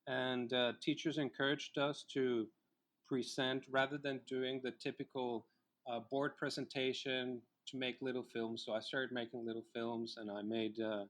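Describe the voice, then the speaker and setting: A middle-aged man from Colombia, a native Spanish speaker, telling his life story as a guest in a relaxed interview. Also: medium pitch, moderate pace. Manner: reflective storyteller, many fillers. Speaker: filmmaker guest. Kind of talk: casual interview chat.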